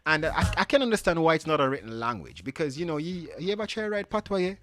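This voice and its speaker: A man's voice: on the high side, animated, fast, fairly bright tone, dry recording. A Jamaican man hosting a live stream, chatting casually in a loose conversational way and slipping in Patois phrases. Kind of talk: casual chat sharing fun facts.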